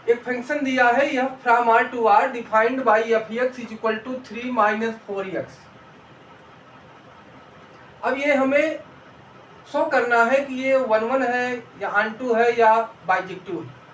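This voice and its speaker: A man with a very high voice teaches maths at an unhurried pace, going over each step again and quizzing his students out loud. He mixes English maths terms into his speech. He sounds set back from the microphone in a roomy, echoing space. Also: steady tone, a little hiss or hum. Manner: patient, repeats steps, asks students rhetorical questions. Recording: roomy echo, mic at a distance.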